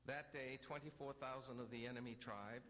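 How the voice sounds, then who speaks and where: A man moderating an academic panel, introducing the speakers with dry, wry humor and a measured delivery, then starting his own talk. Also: mid-range voice, fairly even intonation, fairly bright tone. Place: conference room. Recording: reverberant hall, faint ambient noise.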